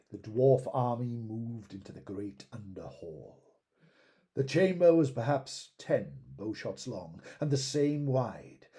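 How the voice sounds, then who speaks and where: Reading a fantasy tale as narrator, a man uses a low voice with a breathy edge. His delivery is deliberate and dramatic, and his lines tend to fade away gently at the end.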